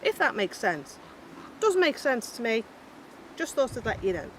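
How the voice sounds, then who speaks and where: A vlogger with a Scouse accent narrates a garden build as a casual how-to, chatty, blunt and self-deprecating, at a moderate pace in a high-ish voice with big pitch swings. She's recorded outdoors in a rural garden with loud background noise, including cows and a passing plane.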